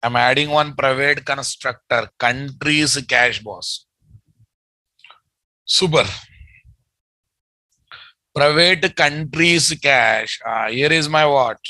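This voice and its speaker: Slow, bright-voiced Telugu-accented male instructor. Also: medium pitch, dry recording, rough recording. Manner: repeats phrases, often checks in with listeners. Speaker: programming instructor. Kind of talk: live online coding lesson, dictating code.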